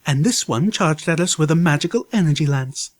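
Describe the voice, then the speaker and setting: A man's voice: a little high, lively intonation, brisk, voice pushed up. A man voicing a refined mare healer, speaking sternly. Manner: stern, sharp.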